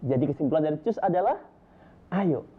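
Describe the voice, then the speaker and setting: A man teaching storytelling techniques in an emphatic, lively way, listing his points one by one. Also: on the high side, fairly quick, husky. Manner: lively, emphatic, lists points with rising energy. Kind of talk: instructional talk to storytellers. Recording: tinny phone-like sound.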